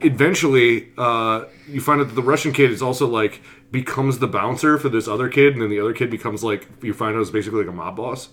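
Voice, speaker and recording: A man's voice: mid-range voice, fast, a bit bright. A man in casual chat, talking enthusiastically and rambling with lots of filler words.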